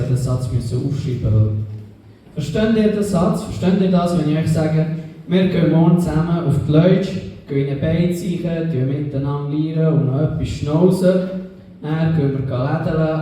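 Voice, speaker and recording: Swiss german guy doing stand-up, bit high, telling stories from the stage, echoey, far away. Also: dark tone, slight background noise. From Switzerland. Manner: ironic storytelling to a live crowd. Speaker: stand-up comedian. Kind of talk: stand-up comedy set. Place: club stage. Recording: roomy live venue from far off.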